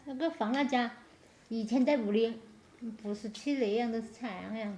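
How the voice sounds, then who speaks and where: A woman's voice: on the high side, moderate pace, mellow. A woman with a Sichuan-Chongqing accent chatting casually with her family, as in a home vlog. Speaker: family vlog host, mother. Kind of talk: casual family chat over a meal. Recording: noisy family chatter around the voice.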